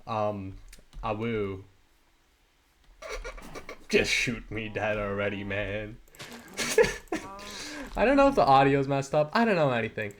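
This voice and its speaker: A man's voice: lowish voice, expressive, moderate pace, hardly any pauses, fairly bright tone, slight background noise. A teenage boy rambling through self-deprecating commentary while playing a game, trailing off into mumbled asides and restarts. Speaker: gaming channel host. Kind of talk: rambling Minecraft let's-play commentary.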